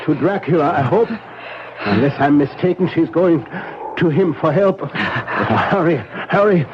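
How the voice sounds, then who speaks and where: An actor playing a grave, commanding older professor who hunts vampires, speaking deliberately and formally in a 1970s radio drama. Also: male voice, fairly high pitch, lively intonation. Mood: tense, urgent. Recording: muffled, noisy 1970s radio broadcast.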